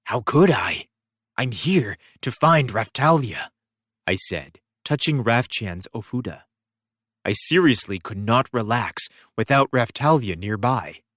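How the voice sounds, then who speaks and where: Male first-person narrator, wry and expressive; animated delivery, dry. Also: medium pitch, dry recording. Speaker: audiobook reader.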